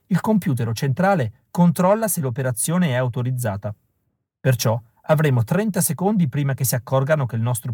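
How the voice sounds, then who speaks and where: A man's voice: medium pitch, mellow, breathy edge, no room sound. A man voicing a cold calculating rebel woman. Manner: cold, briefing tone. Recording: dry close recording.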